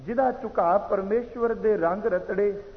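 A man giving a slow, measured sermon that explains recited verses, heard as tinny sound in a reverberant hall. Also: high voice. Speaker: preacher. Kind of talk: katha sermon.

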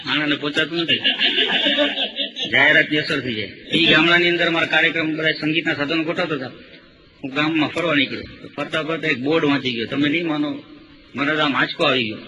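A male comedian and mimicry artist telling funny anecdotes in a lively stand-up style, acting out the quotes. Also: fairly high pitch, fast, slight background noise. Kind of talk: comic stand-up storytelling. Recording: slightly dull recording.

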